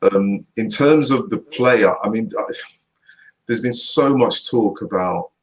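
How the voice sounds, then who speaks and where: A man giving forceful, opinionated football punditry in a casual chat, repeating his points slowly for emphasis. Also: lowish voice, rough recording. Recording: online video chat, voice only.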